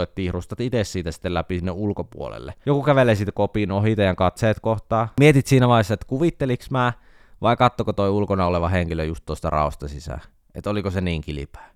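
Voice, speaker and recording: A podcast host tells a self-mocking comic story in a casual monologue, wry in tone and breaking into animated outbursts. His voice is on the low side and clean, recorded dry at studio quality.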